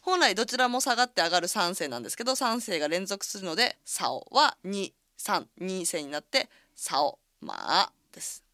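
A woman's voice: medium pitch, lively intonation, brisk, hardly any pauses, bright, forceful tone, dry recording. Woman, language teacher, radio lesson, careful explanations, dry close sound. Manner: explains pronunciation step by step.

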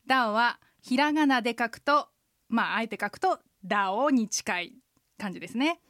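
A woman in her forties hosting a radio language lesson, explaining pronunciation slowly and carefully. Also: on the high side, animated, fairly bright tone, no echo, studio quality.

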